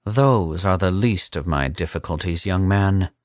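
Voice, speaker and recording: A man voicing a suave, cold and amused older captor in a slow, condescending manner. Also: low voice, no room sound, studio quality. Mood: calm, menacing. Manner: smooth, unhurried and condescending.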